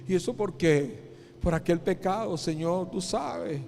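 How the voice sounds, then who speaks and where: A man's voice: high-pitched, unhurried, vocal fry, a little mellow, big-room sound, slight background noise. A man voicing a remorseful old man who tearfully begs God for forgiveness, in a sermon story. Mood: anxious pleading. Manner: pleading, tearful confessions.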